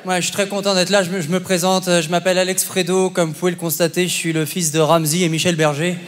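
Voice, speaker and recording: A man's voice: high voice, little pitch movement, quick pace, noisy background. A young man doing stand-up comedy on a festival stage, punchy and conversational, with live audience laughter. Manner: punchy, conversational, often checks in with "ok?". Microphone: stage microphone. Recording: long hall reverb, live audience. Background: audience laughter and applause.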